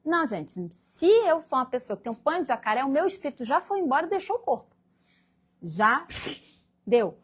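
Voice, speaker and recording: High-pitched, sing-song and brisk, a woman from Brazil serves as guest speaker at a Spiritist meeting. Her spiritual lecture to the congregation includes little acted scenes voiced in different characters.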